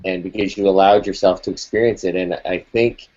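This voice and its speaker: Male panelist, low and mellow, reflective and affirming. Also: steady tone, fairly quick, highs cut off. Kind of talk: casual chat in an online hangout.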